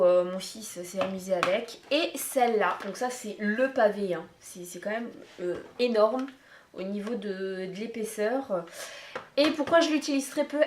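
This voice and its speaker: Chatty and wandering, a woman does a casual makeup tag vlog, talking to her viewers directly and at length. Her voice sits a little high; the roomy echo comes with slight background noise.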